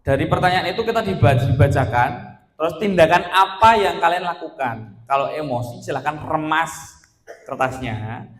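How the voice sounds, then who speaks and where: A man with a Javanese accent presenting a workshop to fellow teachers, lively and joking. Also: on the high side, moderate pace. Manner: lively, jokey, mixes in local Javanese phrases. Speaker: teacher presenting a training session. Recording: echoey hall with long reverb.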